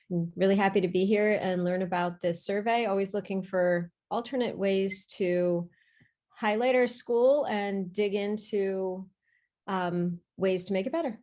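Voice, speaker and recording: A woman from a charter school introducing herself on a video call in a measured way, with fillers. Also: medium pitch, a little mellow.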